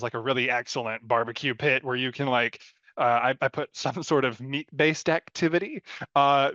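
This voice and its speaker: During a casual live design critique, a man offers warm feedback in a loose, meandering way, full of fillers and gentle jokes at his own expense. His mid-range voice is gravelly with a fairly bright tone, captured in a dry, echo-free, somewhat dull lo-fi recording.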